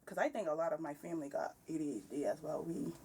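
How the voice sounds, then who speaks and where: Candid woman in her thirties, lowish voice. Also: fast, gravelly, distant mic, a crowd in the background. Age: 30s. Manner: candid, animated, laughs often. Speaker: podcast guest. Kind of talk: casual conversation.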